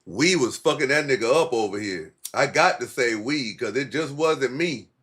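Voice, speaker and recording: A man's voice: mid-range voice, expressive, normal speed, a bit bright, slightly rough. A man hosting a casual, profane livestream, rambling in a laid-back stoner way with heavy slang and swearing. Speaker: livestream host.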